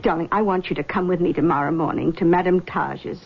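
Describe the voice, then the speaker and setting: A woman acting a husky, coaxing genteel mother. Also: fairly low pitch, a little fast, lo-fi sound. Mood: persuasive. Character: soothing, subtly manipulative mother of grown daughter. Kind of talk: scripted drama acting.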